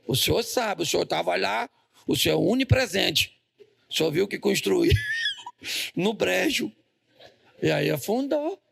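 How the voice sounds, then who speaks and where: High gravelly joking preacher man. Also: animated, a little slow, pauses often, a bit bright, slight background noise. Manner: joking, storytelling, asks the congregation to repeat. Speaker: pastor. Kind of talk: humorous sermon. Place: church in front of a congregation.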